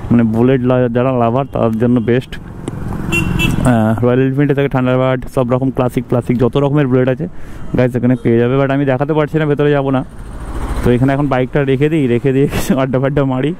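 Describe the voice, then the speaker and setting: A man's voice: medium pitch, flat delivery, rapid-fire. A man with a West Bengal accent chatting casually and colloquially to viewers as he rides a motorbike, voice caught inside a helmet. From West Bengal, India. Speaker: motovlogger. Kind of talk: casual riding vlog chat to viewers. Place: outdoors, riding a motorbike in traffic. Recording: outdoor traffic and engine noise. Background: road traffic, vehicles.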